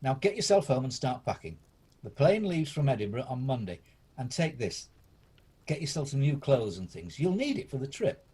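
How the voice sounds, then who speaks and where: This time the amateur radio play's Scrooge, the gruff old miser who turns benefactor, sounds kindly. The man playing him keeps a husky, deliberate, theatrical delivery in a mid-range voice with a dark tone and big swings in pitch.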